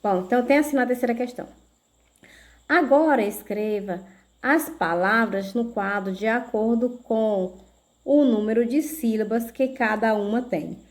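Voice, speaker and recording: A woman with a Brazilian Portuguese accent teaches a video lesson in a slightly high voice. She speaks very slowly and patiently, spells words out syllable by syllable and keeps checking in with short tag questions.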